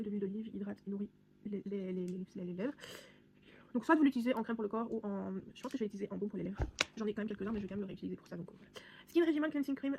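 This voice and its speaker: Young woman vlogger, fast-talking and chatty, faint room noise behind. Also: medium pitch, warm tone. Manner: chatty, rambling, many fillers and restarts. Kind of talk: casual product haul vlog.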